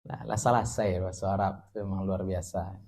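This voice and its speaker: A man's voice: deep voice, little pitch movement, brisk, darkish tone. A man with a Minangkabau accent teaching an Islamic study class, explaining Arabic terms and joking with his listeners. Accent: Minangkabau Indonesian. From West Sumatra. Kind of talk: religious study lecture.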